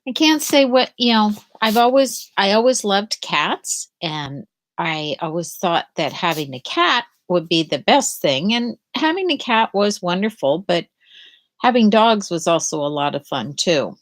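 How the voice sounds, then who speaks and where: During a live read-aloud of a picture book, a middle-aged woman with a mid-range, very animated voice talks informally with young listeners. Her speech is halting, and she asks the children soft questions.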